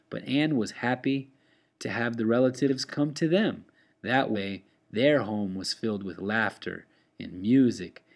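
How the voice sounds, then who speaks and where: A male teacher reading a story aloud to students, steady and expressive, with pauses between phrases. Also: on the low side.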